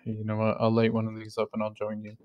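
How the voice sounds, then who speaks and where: A man's voice: fairly low pitch, completely flat delivery, fast, muffled recording. A man voicing his roleplay character in casual chat, rambling with many fillers and joking in a mock-innocent way. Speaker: streamer playing a roleplay character.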